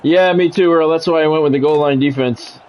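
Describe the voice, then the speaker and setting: A middle-aged gaming streamer commentates a sports video game like a radio play-by-play announcer, with short clipped calls and casual, salty asides. His voice is fairly high-pitched, brisk and a little mellow.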